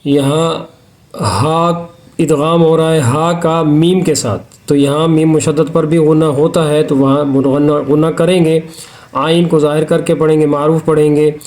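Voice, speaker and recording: A man teaching tajweed in a methodical, repetitive way, breaking into slow, drawn-out Quran recitation between explanations. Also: fairly high pitch, flat delivery, darkish tone. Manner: methodical, repeats rules step by step. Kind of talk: Hindi-Urdu lesson on tajweed, with recitation.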